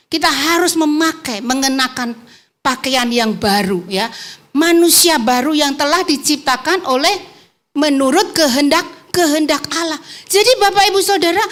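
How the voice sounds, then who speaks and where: A woman's voice: sits high, fairly bright tone. A woman church elder preaching a sermon in a conversational way, often turning to the congregation with tag questions and telling personal stories with light laughter.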